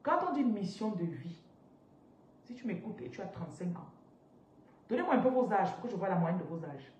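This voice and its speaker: A woman in her thirties, a spiritual business coach, teaching on a live stream in an animated, interactive way and reading out viewers' comments from a chair indoors. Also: medium pitch, a little fast, muffled recording. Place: indoors, seated on a large ornate chair. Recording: roomy echo, somewhat distant from mic, faint noise.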